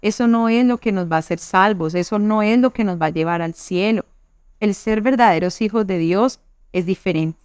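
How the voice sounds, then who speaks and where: A woman from Colombia preaches to a youth group with earnest conviction. Her voice is smooth and clear, at a middle pitch, and the sound is dry and close. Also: moderate pace, darkish tone, no echo. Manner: earnest, acts out quoted church women. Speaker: youth pastor.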